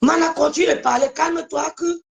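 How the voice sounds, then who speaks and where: High-voiced woman hosting a live stream. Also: fairly even intonation, brisk, gravelly, poor audio. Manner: emphatic, repeats phrases, addresses viewers directly. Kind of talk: casual live-stream talk to viewers.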